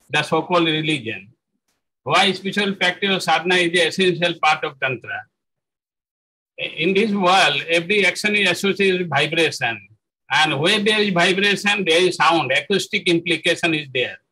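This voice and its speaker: A man giving a spoken lecture on spiritual practice, halting often with fillers and self-corrections. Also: on the high side, pushed and bright, low-quality recording.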